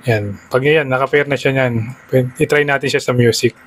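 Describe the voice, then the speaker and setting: A man with a Filipino accent and a medium-pitched, steady voice narrates a step-by-step product tutorial at a moderate pace, with slight background noise. A motorcycle vlogger, he keeps his instructions plain and conversational.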